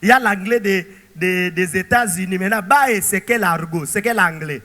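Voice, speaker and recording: A male pastor preaching a sermon, animated and throwing rhetorical questions to the congregation. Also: sits high, moderate pace, long reverb tail.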